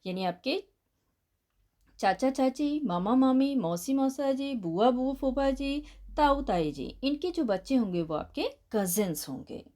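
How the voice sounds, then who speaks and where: A woman teacher with an Indian accent walks children through their answers, her fairly high voice rising and falling with lots of expression. She dictates English at an unhurried pace, spells words out letter by letter, and calls her pupils 'beta'. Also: animated, a little mellow. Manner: addresses children affectionately as 'beta'. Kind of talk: bilingual classroom lesson explaining answers.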